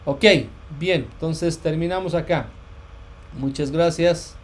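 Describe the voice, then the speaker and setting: A man from Bolivia giving a university physics lecture, pausing often with fillers and restarts and checking that students follow. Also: fairly high pitch, fairly even intonation, darkish tone.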